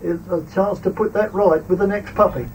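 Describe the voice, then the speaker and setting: A man's voice: high voice, steady tone, moderate pace. An older man giving informal instruction as a sheepdog trainer, explaining things in a plain-spoken, rambling way. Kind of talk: informal instructional commentary and advice. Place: outdoors in a field. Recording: distant mic, outdoor ambient noise.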